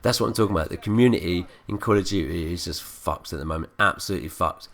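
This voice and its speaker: A man's voice: low voice, fast talker, vocal fry, fairly bright tone. A man with a blocked nose from a cold, ranting and swearing through gameplay commentary. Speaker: gaming commentator. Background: faint background music.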